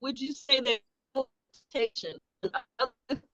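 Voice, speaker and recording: A woman calling in on a video call while driving, asking questions in a halting way with many fillers, her audio breaking up. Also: sits high, bright, forceful tone, no echo. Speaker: caller. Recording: dull lo-fi call line.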